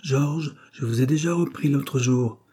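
A man doing a patient governess who corrects and counsels the children in a calm, reproving way. The voice stays mellow and slightly husky. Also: mid-range voice, measured pace, voice pushed up. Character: patient young female governess, gently moralizing.

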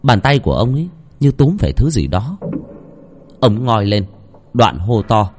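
A man narrating a ghost story with dramatic, expressive delivery. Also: lowish voice, a little slow, a little hiss or hum.

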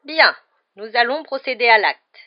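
A woman's voice: on the high side, animated, measured pace, highs cut off, pitched above the performer's own voice. A woman voicing a quavering old male ministry official, stiff and formal. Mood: stern.

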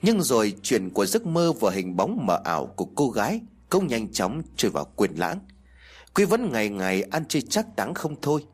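A male narrator reads a ghost story with a husky, breathy tone. His intonation rises and falls with feeling, measured and expressive. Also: medium pitch.

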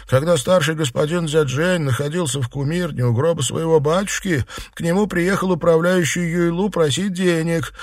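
A man's voice: a little high, no echo, studio quality, pitched above the performer's own voice, close to an everyday voice. A man voicing a frightened young male servant who pleads and confesses to his mistress. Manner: pleading, servile.

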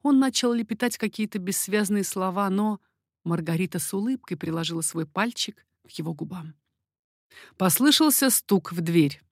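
A woman reading a historical novel aloud in a measured storytelling manner. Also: mid-range voice, expressive, no echo, clean studio sound. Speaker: audiobook narrator. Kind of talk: scripted narration of a historical novel.

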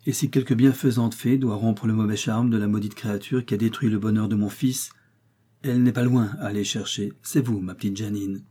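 A man reading aloud, voicing an old mother who laments and pleads over her son, in a husky voice. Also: lowish voice, fairly even intonation, fairly quick, mellow. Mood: earnest. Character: anxious old mother, tender and talkative.

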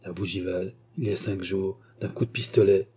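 A man's voice: lowish voice, moderate pace, husky. A man voicing a cold, scheming villainous baronet who speaks curtly and imperiously in a storybook reading. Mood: alarmed. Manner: curt, sharp, imperious.

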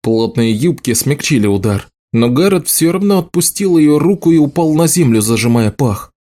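A man narrating an audiobook in a steady storytelling delivery. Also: fairly high pitch, normal speed. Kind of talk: scripted narration.

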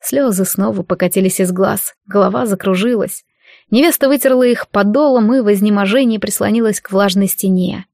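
A woman narrating an audiobook in a steady storytelling manner on a close microphone. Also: mid-range voice, a little fast, vocal fry, no echo. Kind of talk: scripted narration.

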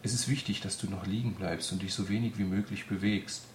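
A man voicing a small, brisk female nurse who speaks firmly and soothingly. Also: deep voice, fairly even intonation, a little hiss or hum, close to an everyday voice. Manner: firm, soothing. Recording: roomy echo.

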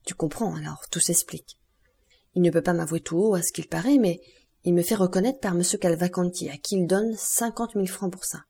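A woman's voice: lowish voice, fairly quick, gravelly, dark tone, a little hiss or hum. A woman reading aloud, voicing a sly young man who talks in a boastful, confiding way.

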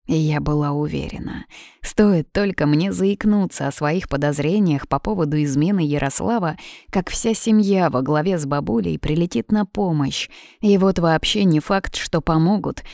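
A woman's voice: low voice, creaky, a little mellow, no room sound, clean studio sound. A woman reading an audiobook in scripted narration, with a lightly ironic storytelling manner.

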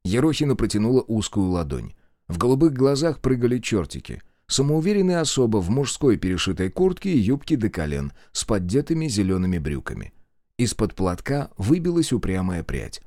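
A man narrating an audiobook in an expressive storytelling manner. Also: fairly low pitch, a little fast, no echo, clean studio sound. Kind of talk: scripted narration.

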